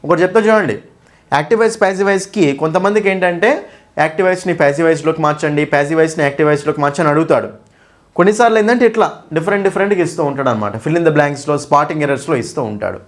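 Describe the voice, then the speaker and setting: Man, exam-prep teacher, rapid-fire delivery, slightly high voice, quizzes his class step by step. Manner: explains step by step, keeps asking students questions. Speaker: English teacher.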